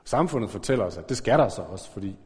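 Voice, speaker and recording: A man's voice: fairly low pitch, expressive, a little mellow. Pastor guy giving a sermon, chatty, keeps correcting himself, big echoey church. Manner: conversational, with frequent fillers and self-corrections.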